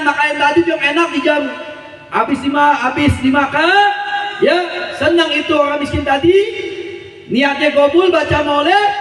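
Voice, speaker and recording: A man's voice: extremely high pitch, a bit bright. A man preaching a sermon, telling a story and drawing answers back from the gathering. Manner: call-and-response with the crowd, storytelling. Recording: echoey hall, voice from far off.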